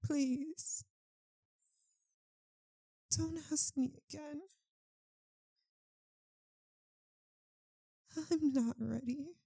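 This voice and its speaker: In an ASMR roleplay, a woman voices an anguished, tender, guilt-ridden vampire lover, speaking haltingly and intimately as she pleads through tears. Her voice is a little high with a warm tone, and the recording is dry.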